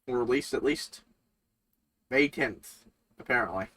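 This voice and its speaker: A man's voice: medium pitch, slow pace, fairly bright tone, slightly rough. Casual man reacting to a cartoon. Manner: rambling, laughs and swears as he reacts. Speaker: reaction streamer.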